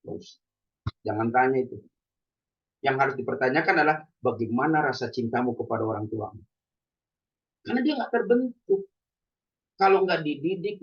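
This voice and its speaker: A man's voice: on the high side, husky. A man preaching a conversational sermon, telling everyday stories and asking the listeners rhetorical questions. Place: mosque hall. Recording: distant dull lo-fi.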